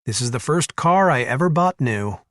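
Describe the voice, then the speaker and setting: A man voicing a sharp-tongued, touchy young woman in an audiobook, indignant and quick to snap back. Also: mid-range voice, expressive, dry recording, studio quality, pitched above the performer's own voice, natural voice. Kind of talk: audiobook character voice.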